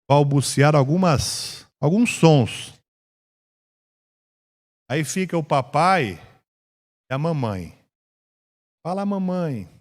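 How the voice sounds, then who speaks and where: Man, Brazilian Portuguese accent, Bible class teacher, very slow, drawn-out emphasis, echoey church hall. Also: fairly high pitch. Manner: slow, drawn-out delivery with rising emphasis on scripture.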